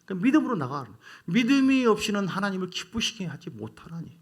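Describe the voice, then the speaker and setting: A man preaching a sermon as pastor, with emphatic rises and drawn-out words. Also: high voice, very animated, husky.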